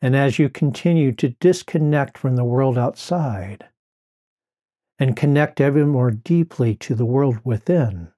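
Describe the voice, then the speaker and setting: Male relaxation guide, middle pitch, unhurried and mellow, soothing delivery. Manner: slow, soothing, drawn-out phrasing.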